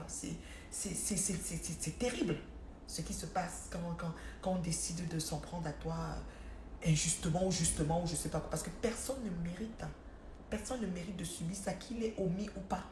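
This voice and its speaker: A woman hosting a live stream, chatting casually and animatedly to her followers, repeating words as she goes. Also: lowish voice. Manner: animated, repeats words, talks straight to viewers. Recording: roomy echo with faint background noise.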